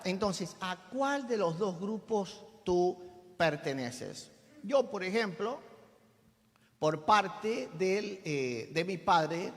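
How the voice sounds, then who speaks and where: A man preaching in a debate, pressing his audience with rhetorical questions. His voice sits high for a man, and it rings with the long reverb of a hall.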